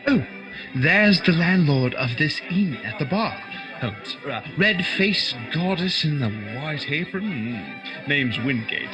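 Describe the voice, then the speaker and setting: Man playing genial, unhurried, lively Doctor Watson. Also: fairly high pitch, highs cut off, over music. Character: genial, kindly gentleman doctor, loyal sidekick to detective. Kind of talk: radio drama acting.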